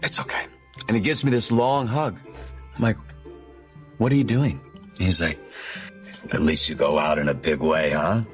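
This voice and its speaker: A man in an interview telling a wry, animated story, acting out the other people's lines. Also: deep voice, moderate pace, long pauses, soft background music. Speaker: actor in an interview. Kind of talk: interview anecdote.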